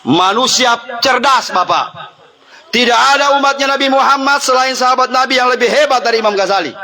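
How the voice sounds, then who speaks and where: A man's voice: extremely high pitch, a little fast, sharp tone. A middle-aged male preacher giving a humorous sermon, telling stories, laughing often and talking straight to the congregation. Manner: storytelling, laughing often, addressing the congregation directly.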